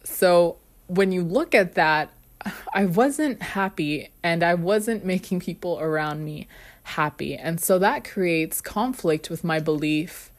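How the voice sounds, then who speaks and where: A woman's voice: fairly low pitch, lively intonation, takes it slowly. A woman hosting a motivational self-help podcast, telling personal stories earnestly with frequent light laughs. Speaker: podcast host.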